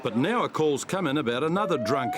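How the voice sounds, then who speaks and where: A man's voice: on the high side, animated, fairly quick, crowd noise. A man with a New Zealand accent reading scripted narration for a reality TV police show. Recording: street and traffic noise behind.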